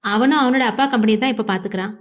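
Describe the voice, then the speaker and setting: A woman reading the lines of a calm, reassuring young husband in a storybook. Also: a little high, racing, natural voice.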